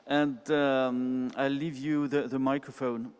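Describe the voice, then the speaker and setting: A man with a French accent moderating a conference session, announcing things in a brisk, apologetic way. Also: medium pitch, level tone, darkish tone, clear, resonant tone. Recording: long hall reverb.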